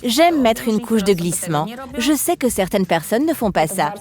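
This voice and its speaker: A woman's voice: mid-range voice, sing-song, normal speed, crowd noise. Woman explaining a nail technique. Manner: explanatory, chatty. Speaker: nail instructor. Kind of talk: instructional demo chat. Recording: music playing behind.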